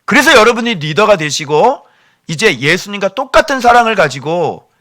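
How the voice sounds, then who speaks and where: Lively, bright-voiced male pastor preaching. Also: sits high, normal speed. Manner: animated, joking asides to the congregation. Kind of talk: sermon.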